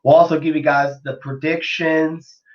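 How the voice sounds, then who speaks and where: Rambling along at a moderate pace with plenty of ums and restarts, a man hosts a casual sports podcast on live-stream. His voice is a little high and flat, a bit worn after he nearly lost it, and the audio sounds dull.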